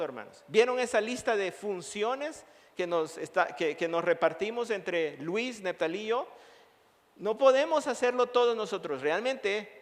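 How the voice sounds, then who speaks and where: A male pastor preaching a sermon, emphatic, building his points through long repeated lists. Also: sits high. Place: church sanctuary. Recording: long reverb of a church hall.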